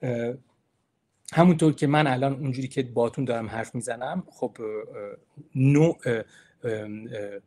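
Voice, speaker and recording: A male university lecturer with a slightly husky, breathy voice at a mid pitch. He sounds relaxed and conversational, and reassures his listeners with rhetorical questions. He restates key terms to make them clear. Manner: explains terms and repeats points to stress them. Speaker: university lecturer giving a presentation. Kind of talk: informal online lecture.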